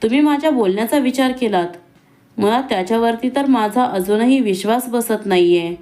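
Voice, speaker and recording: A woman voicing a young female college student who talks in a quick, teasing and pointed way. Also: a little high, dark tone, close to an everyday voice. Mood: spirited.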